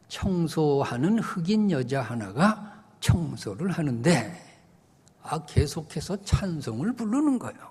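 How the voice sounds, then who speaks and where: A male pastor preaching a sermon, telling a story with emotional emphasis that swells to loud peaks. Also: fairly high pitch. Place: church sanctuary. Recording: long church hall reverb.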